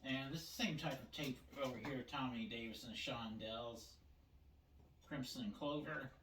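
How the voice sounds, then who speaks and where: A medium-pitched, slightly bright male voice at a moderate pace belongs to an older man walking through his cassette collection at home on video. He rambles casually, often repeating and restarting his words, against faint background noise.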